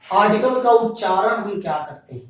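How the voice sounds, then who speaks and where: A man's voice: high-pitched, animated, normal speed, fairly bright tone. Male teacher, patient repetitive lecturing, distant mic, heavy room echo. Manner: repeats points, addresses students directly. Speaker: English teacher. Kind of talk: Hindi-language grammar lecture. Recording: very echoey room, far from the mic.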